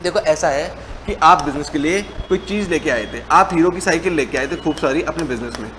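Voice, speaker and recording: A young man with a fairly high voice gives an online tax exam revision lecture at a brisk pace over some background noise. He explains things chattily, playfully teases his students, and performs both his own lines and their questions.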